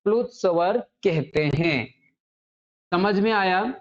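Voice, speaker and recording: A teacher giving a classroom grammar lecture, asking the class questions and then answering them, and repeating each definition slowly several times. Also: medium pitch, animated, dull audio.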